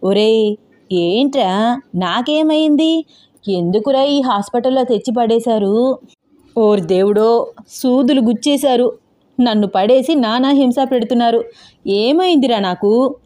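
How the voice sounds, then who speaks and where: A woman voicing a bossy, scheming grandmother in her seventies who scolds loudly and talks slyly. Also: medium pitch, lively intonation, moderate pace, close to an everyday voice. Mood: shouting complaints. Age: over 60. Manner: shouting, scolding, sly.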